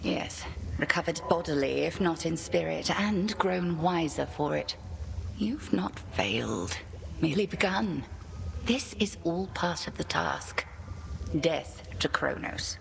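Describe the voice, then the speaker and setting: An actress playing a stern, wise witch headmistress in a video game, with measured archaic speech. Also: deep voice, expressive, creaky, a little hiss or hum, full character voice. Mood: stern, encouraging. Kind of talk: video game character acting.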